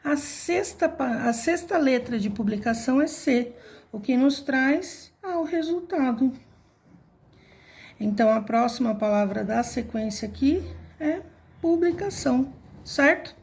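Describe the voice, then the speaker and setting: High-voiced woman teacher, patient. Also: lively intonation, unhurried, gravelly, darkish tone. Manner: patient, step-by-step counting aloud. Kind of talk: explaining a classroom word puzzle.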